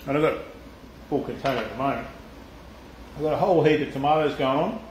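A man's voice: mid-range voice, quick pace, a little hiss or hum. An Australian man hosting a casual live cooking stream, chatting loosely to viewers, swearing freely and laughing often, in a home kitchen. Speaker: cooking channel host. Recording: echoey room.

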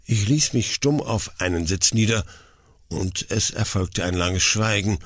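A man reading a classic German novel in the first person, measured and somber. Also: no echo. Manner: measured, somber, with sighing low drops. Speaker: audiobook reader. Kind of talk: first-person literary narration.

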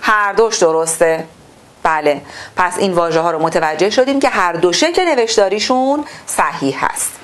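A woman's voice: lowish voice, animated. Woman teacher explaining a lesson. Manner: reads the text slowly, then explains to the children; asks the class questions and answers them herself. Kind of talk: online sixth-grade literature lesson.

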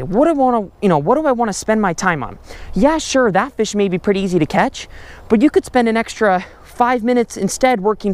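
A young man talking through his fishing gear and catches on a pond shore, chatty and excitable, recorded on a head-mounted camera. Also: sits high. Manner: excitable, chatty, with many fillers. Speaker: fishing vlogger. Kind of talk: casual outdoor fishing commentary. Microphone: head-mounted action camera.

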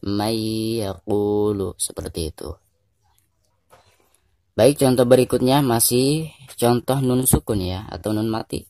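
An Indonesian man teaching Quran recitation rules, explaining patiently and repeating each point, then slowing down to chant drawn-out examples. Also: mid-range voice, animated, dark tone, no room sound, clean studio sound. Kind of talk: tajwid lesson with recited examples.

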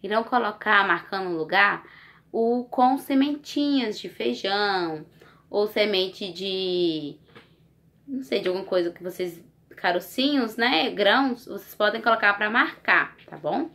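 A woman primary school teacher leads a recorded lesson for small children. She speaks slowly in a clear, bright voice, drawing out her words in a coaxing sing-song and often checking that the children are following. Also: medium pitch. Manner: slow, coaxing, sing-song teacher talk with tag questions.

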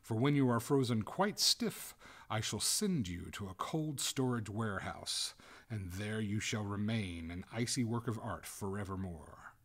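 Man playing a suave young gentleman, animated pitch. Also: measured pace. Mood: cold, gloating. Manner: formal, suavely polite, firm. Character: courteous, coolly merciless young gentleman, master of the house.

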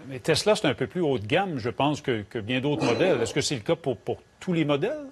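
A man's voice: medium pitch, big pitch swings, fairly quick, background noise. A man in his fifties with a Québécois French accent, a TV news anchor in a studio asking direct, probing questions. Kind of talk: TV news interviewing.

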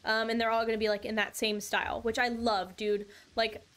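Bubbly young woman game streamer, slightly high voice. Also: little pitch movement, a little fast, a bit bright. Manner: bubbly and chatty, laughing often. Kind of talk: casual live-stream chat.

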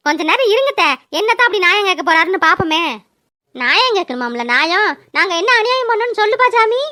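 A woman's voice: very high-pitched, big pitch swings, fast talker, sharp tone, no echo, studio quality, heavily acted. Woman voicing a patient young daughter-in-law. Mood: wry. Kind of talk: cartoon voice acting.

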